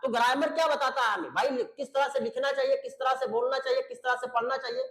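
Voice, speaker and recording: A man's voice: very high-pitched, fairly even intonation, quick pace, fairly bright tone, roomy sound. A man teaching English grammar in an online video lecture. He explains patiently, repeats his points, checks that students follow, and calls them beta and babu.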